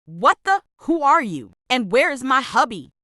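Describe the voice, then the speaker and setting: Alarmed wife played by a woman for a horror skit: high, animated, dry sound. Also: moderate pace, no echo, exaggerated voice.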